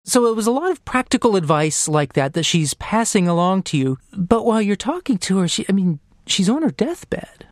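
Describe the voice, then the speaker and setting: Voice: mid-range voice, big pitch swings, moderate pace, few pauses, no echo, studio quality. A radio host reading a scripted introduction, then asking conversational questions. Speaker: radio interviewer. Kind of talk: public radio interview.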